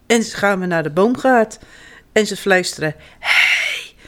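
A woman reading a children's story aloud in an animated, expressive way. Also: mid-range voice, moderate pace.

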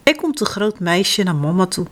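A woman reading a children's story aloud in a slow, expressive way. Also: fairly low pitch.

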